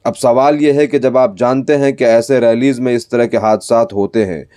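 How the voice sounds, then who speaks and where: Dark, dry-voiced male news narrator. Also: medium pitch, steady tone, moderate pace, smooth, no room sound. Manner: critical, pointed commentary. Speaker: news anchor.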